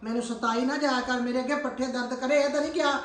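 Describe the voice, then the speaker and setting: A middle-aged woman with a Punjabi accent, scolding her son in quick-tongued family banter. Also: sits high, fairly even intonation. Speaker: vlogger's mother. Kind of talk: family prank vlog banter. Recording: echoey room.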